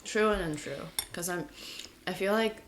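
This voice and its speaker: A woman co-hosting a casual eating video, talking in an informal, halting way. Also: fairly low pitch. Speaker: mukbang video co-host. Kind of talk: casual chat while eating. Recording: faint noise with clinking cutlery.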